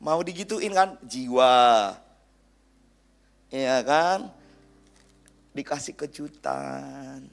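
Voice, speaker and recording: A man's voice: mid-range voice, extremely slow, creaky, long pauses. A young man with a Medan Indonesian accent preaching a humorous youth sermon in a church hall, joking with the crowd and mimicking people.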